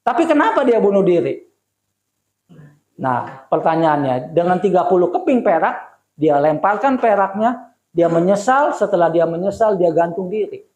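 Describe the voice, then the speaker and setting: A male pastor preaching a sermon at a church service, telling stories in a conversational, animated way. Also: sits high, moderate pace, reverberant, poor audio.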